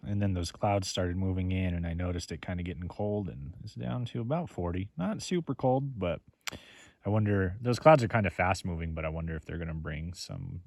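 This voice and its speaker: A man's voice: low-pitched, darkish tone, dry recording. A man chatting casually to the camera as a camping vlogger, informally talking through what he is doing outdoors. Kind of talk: casual chat to camera while cooking and camping. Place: outdoors at a campsite. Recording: noisy outdoor ambience.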